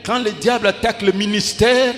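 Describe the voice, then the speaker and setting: High-voiced man preaching in short phrases. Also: fairly even intonation, brisk, fairly bright tone, big-room sound. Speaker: pastor. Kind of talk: sermon with live interpretation.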